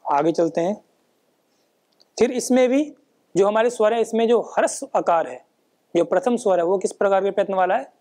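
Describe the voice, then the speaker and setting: A woman teaching in a patient classroom manner, pausing to ask a question and then answering it herself. She sounds out syllables slowly and one at a time, and keeps checking in with her listeners. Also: medium pitch, warm tone. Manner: frequent checking tags like "है ना?". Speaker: Sanskrit teacher. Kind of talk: explanatory phonetics lecture.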